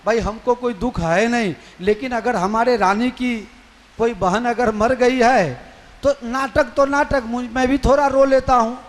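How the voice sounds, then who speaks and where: A man's voice: very high voice, unhurried, in a large hall. A man quoting a puzzled easily led king. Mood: musing.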